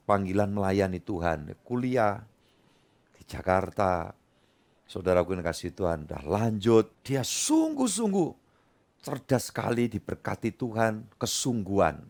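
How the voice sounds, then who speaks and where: A middle-aged man, preaching a sermon as pastor, swinging between loud high exclamations and quiet low asides. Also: gravelly.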